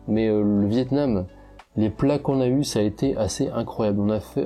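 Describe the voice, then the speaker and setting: This young man from France speaks in a mellow, mid-range voice with a French accent. He's a travel photographer vlogger, casually recounting his travels in a chatty way, filled with fillers and restarts.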